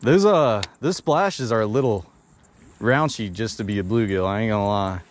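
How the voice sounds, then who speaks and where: A young man vlogging while bank fishing at a pond outdoors, talking in excited slang and bursting into shouts. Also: fairly low pitch, normal speed, slight background noise. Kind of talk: excited outdoor vlog commentary.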